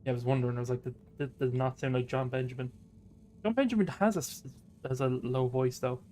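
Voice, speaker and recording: Mid-pitched gamer guy narrating his play. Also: fast talker, warm tone, a little hiss or hum. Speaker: gaming commentator. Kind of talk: casual let's-play banter.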